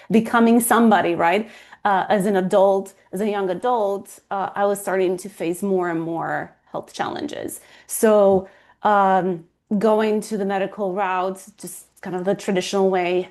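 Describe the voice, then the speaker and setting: With a medium-pitched, darkish voice and a Romanian accent, a woman in her thirties from Romania appears as a guest fertility coach. Speaking casually but earnestly in the interview, she frequently restarts her sentences while hunting for the right words.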